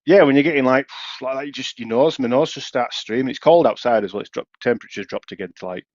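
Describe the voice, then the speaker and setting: Fast-talking, with a darkish mid-range voice, this broad-accented Yorkshireman rambles through stories as a podcast co-host in casual pub banter. The podcast audio is dry and slightly dull, without echo.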